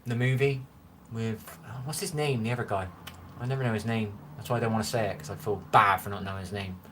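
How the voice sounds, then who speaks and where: A chatty man with a Bristolian West Country accent from Bristol, England, reads viewer comments aloud on a phone live stream, rambling and easily amused. His voice is lowish, fairly even and a bit bright, and he talks fast. He's in his own room with the lights low, and there's a little hiss or hum.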